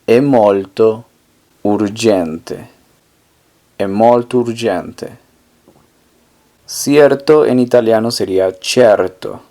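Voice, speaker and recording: A man's voice: lowish voice, drawn-out words, long pauses, dark tone. A man teaching a language course, asking how to say phrases and then repeating each answer carefully. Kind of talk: slow, deliberate language lesson narration.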